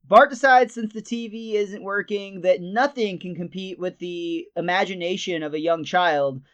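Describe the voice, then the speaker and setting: A man's voice: sits high, a little slow, a bit bright, smooth. A man co-hosting a podcast, casually reviewing a cartoon episode, retelling scenes in detail with frequent chuckles. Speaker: podcast co-host. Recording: slightly dull lo-fi sound.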